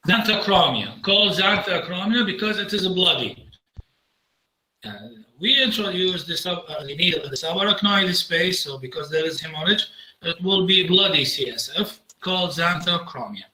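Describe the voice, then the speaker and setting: A man with an Iraqi accent giving a medical lecture over slides, halting with frequent fillers and slipping into Arabic. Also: sits high, expressive, sharp tone, poor audio.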